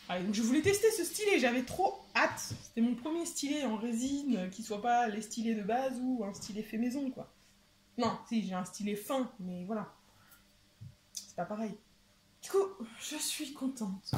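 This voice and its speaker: A young woman chatting excitedly as she unboxes a craft kit at home, often stumbling and repeating words. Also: on the high side, normal speed, a little hiss or hum. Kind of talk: casual unboxing chat. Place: home with a washing machine running.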